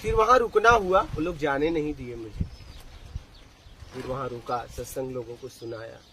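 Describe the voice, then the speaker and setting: A man's voice: mid-range voice, normal speed, background noise. A man, a spiritual teacher, telling stories and teaching at a satsang, often asking his listeners rhetorical questions. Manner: animated, asks the audience rhetorical questions. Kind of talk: satsang discourse with storytelling.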